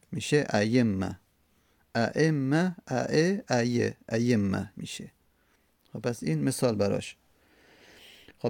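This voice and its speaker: Slow, gravelly man teaching grammar. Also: mid-range voice, mellow, no echo, studio quality. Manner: slow, repeating each example syllable by syllable; hesitant, many drawn-out fillers. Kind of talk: explaining an Arabic grammar text.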